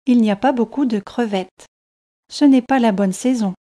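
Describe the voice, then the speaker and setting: A woman's voice: a little high, moderate pace, mellow, lightly acted. A woman voicing a retired old Englishman, a tall, thin, kindly fisherman with an easygoing manner. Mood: friendly.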